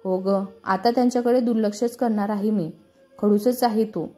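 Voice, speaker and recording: A woman's voice: mid-range voice, steady tone, moderate pace, dark tone, faint music behind, close to an everyday voice. A woman voicing an irritated young woman bank clerk who grumbles about her boss. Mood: sulky. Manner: grumbling, sulky complaints.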